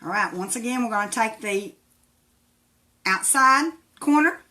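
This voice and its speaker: Tennessee lady w appalachian hillbilly accent, bright voice, folksy craft live chat. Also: fairly high pitch, expressive, a little slow. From Tennessee, United States. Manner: folksy, chatty, thanks viewers by name. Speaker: craft tutorial livestream host. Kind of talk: casual live craft demonstration, greeting viewers.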